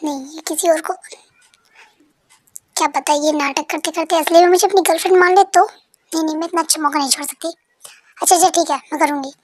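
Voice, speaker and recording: A woman voicing an eager, clingy young woman in a fan-dubbed story, gushing and excitable. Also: high-pitched, a little fast, long pauses, no room sound, natural voice. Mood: scheming.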